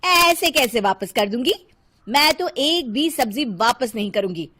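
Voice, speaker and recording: A woman voicing a stingy, sharp-tongued young housewife in an animated cartoon, scolding and bossy. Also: sits high, a little slow, a little hiss or hum, pitched above the performer's own voice.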